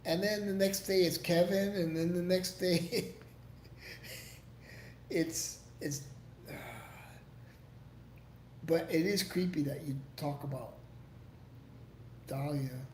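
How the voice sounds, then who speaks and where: Slow and steady in tone, a man with a somewhat high, slightly mellow voice responds to viewer comments on a casual livestream, often pausing at length. He rambles, swears, and restarts a lot, with echo and faint noise in the room.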